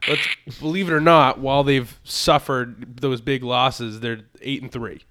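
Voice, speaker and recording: Smooth-voiced man chatting about football. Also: medium pitch, fairly even intonation, unhurried, a bit bright. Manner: rambling, repeats words when starting a thought. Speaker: podcast co-host. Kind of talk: casual sports chat.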